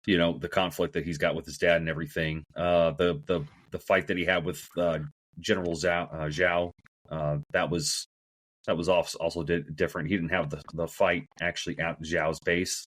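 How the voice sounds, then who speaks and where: A man's voice: deep voice, level tone, moderate pace, fairly bright tone. A man from the American Midwest co-hosting a casual podcast, laid-back and full of "you know". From Midwest United States. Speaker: podcast co-host. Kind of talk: casual chat.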